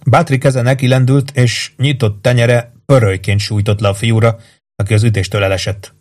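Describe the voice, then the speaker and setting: A man reading a crime novel aloud as an audiobook narrator, in even scripted narration. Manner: reads steadily, lifting pitch and volume for shouted dialogue.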